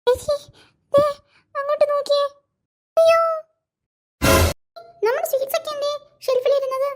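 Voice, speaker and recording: Woman doing a whiny little girl in a cartoon, squeaky high voice, pleading with big sis. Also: steady tone, moderate pace, faint music behind. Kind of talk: cartoon voice acting.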